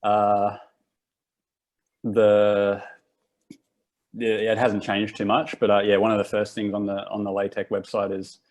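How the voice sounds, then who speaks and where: A young Australian man in his twenties hosts a casual live workshop, speaking in a lowish voice with a darkish tone. He rambles in a laid-back way and often restarts his sentences.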